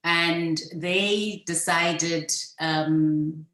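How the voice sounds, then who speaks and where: Low-voiced middle-aged woman, echoey room. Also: fairly even intonation, fairly bright tone. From South Africa and Botswana. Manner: measured, pausing often to gather her thoughts. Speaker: guest, supply chain specialist. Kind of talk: interview, telling her life story.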